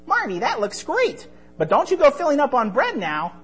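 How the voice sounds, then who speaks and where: A man voicing an excitable little male friend in a children's storybook, with a shrill, gushing voice. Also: normal speed, faint music behind, heavily acted.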